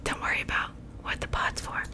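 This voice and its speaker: In a lightly acted ASMR roleplay, a woman plays a sweetly menacing witch, whispering throughout in an unhurried, soothing way. Her gleeful reassurance is false, the coaxing of a captor who means to cook her guest.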